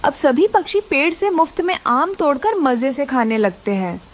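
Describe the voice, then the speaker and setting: A woman narrates a scripted children's story in a high, lively voice at a normal pace.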